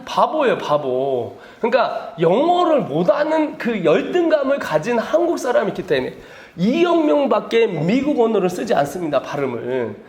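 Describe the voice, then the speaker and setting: High, lively male lecturer; chatty, jokey, echoey hall sound. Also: moderate pace. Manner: animated, chatty, laughs at his own jokes. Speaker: missionary speaker at a teachers' seminar. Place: indoor seminar room.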